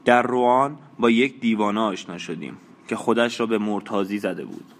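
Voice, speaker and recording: A man voicing a worldly, knowing gentleman. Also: lowish voice, close to an everyday voice.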